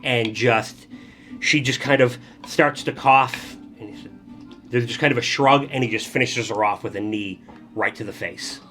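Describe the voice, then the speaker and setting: A man's voice: mid-range voice, moderate pace, bright, forceful tone, faint music behind. A man working as game master, telling the story of a tabletop game in a casual, improvised, conversational way.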